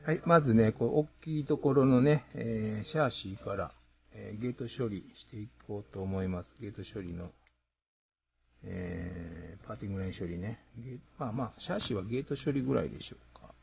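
A man's voice: lowish voice, brisk, vocal fry, highs cut off, slight background noise. A man with a Kansai accent chatting casually to himself while building a plastic model kit. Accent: Kansai Japanese. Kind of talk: casual hands-on narration.

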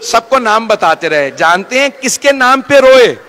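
A male cleric delivering a mourning sermon, impassioned and rising to wailing shouts as he addresses the gathering directly. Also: very high-pitched, big pitch swings, measured pace.

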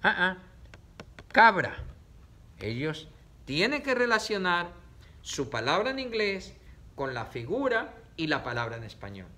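Filmed by a camera placed in front of him, a man leads children through a reading lesson, breaking words into syllables slowly and repeating them. His voice runs a little high, with huge swings in pitch and a bright, forceful tone.

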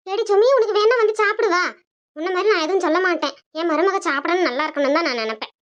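A voice artist voicing a gruff, protective older father-in-law in a cartoon, scolding his wife and comforting his daughter-in-law. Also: extremely high pitch, fast talker, fairly bright tone, muffled recording. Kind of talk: Tamil cartoon dubbing.

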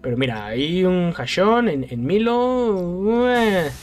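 A man's voice: high-pitched, animated, takes it slowly, faint music behind. A man with a Mexican accent giving casual gameplay commentary, exasperated and self-mocking and laughing often. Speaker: gaming youtuber.

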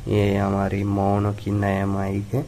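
Young male vlogger, low flat delivery, plain unboxing chat, faint background hiss. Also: slow. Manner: plain, repetitive explaining, addressing viewers as guys. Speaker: motovlogger. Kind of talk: casual unboxing vlog.

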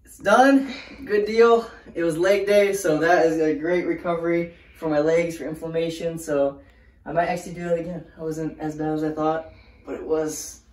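A man's voice: on the high side, little pitch movement, moderate pace, a little mellow. A young man chatting casually to the camera as a vlogger. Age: young adult. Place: small home bathroom, indoors. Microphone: camera a few steps away. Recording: echoey room, distant mic, noisy.

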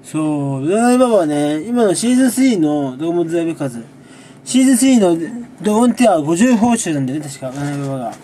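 A man who makes gaming videos, chatting casually through a monthly recap, relaxed and rambling with frequent chuckles between sips of a drink. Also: on the high side, racing, slight background noise. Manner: talks while sipping a drink.

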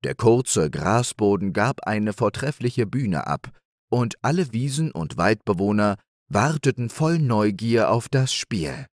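A man reading a fairy tale aloud as a calm bedtime story narrator. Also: lowish voice, unhurried, no room sound, studio quality. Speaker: audiobook reader.

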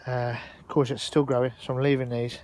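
An allotment vlogger walks outdoors with a handheld phone, rambling in an informal, chatty way as he narrates. His voice is mid-range and a little mellow, delivered flatly and slightly fast, and the phone recording is noisy.

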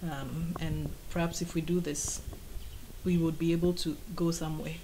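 Low-pitched Ghanaian woman in noisy recording. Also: little pitch movement, moderate pace, warm tone. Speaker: writer being interviewed. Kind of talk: conversational interview answers. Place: indoors on a sofa by shelves of mugs.

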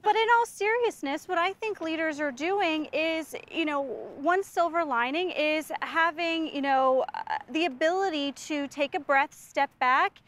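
Woman in her 30s, consultant, earnest explanations, high voice, park, lapel mic. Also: measured pace, fairly bright tone. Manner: earnest, explanatory, with restarts and fillers. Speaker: management consultant. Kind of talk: outdoor walk-and-talk interview. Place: outdoor city park.

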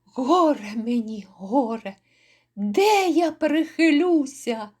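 A woman voicing a grief-maddened Cossack father in a dramatic poetry recital, crying out in anguish with slow, drawn-out lines. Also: high-pitched, expressive, exaggerated voice. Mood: raging lament. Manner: anguished shouting and lament, drawn out. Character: grief-mad Cossack father, furious and despairing.

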